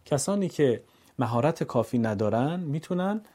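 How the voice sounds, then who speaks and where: A man teaching how to read Quranic words, explaining calmly and slowly stretching sounds in recited examples. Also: mid-range voice, slightly rough. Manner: calm explaining, then stretching vowels slowly and louder for examples. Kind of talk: instructional lesson with slow drawn-out recitation examples.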